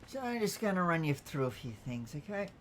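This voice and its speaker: A man's voice: fairly high pitch, very animated, brisk. A man playing a senior officer in an online roleplay, giving casual, hesitant instructions to a trainee. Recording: faintly noisy game voice chat.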